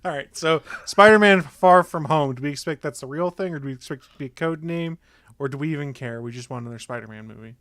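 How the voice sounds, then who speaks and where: A man's voice: fairly high pitch, fast talker, a bit bright, dry recording. A man hosting a casual podcast, teasing his co-hosts, laughing and steering the talk. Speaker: podcast host.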